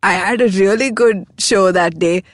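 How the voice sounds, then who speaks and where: A woman's voice: mid-range voice, normal speed, dry recording. A woman, a comedian chatting casually. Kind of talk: casual chat.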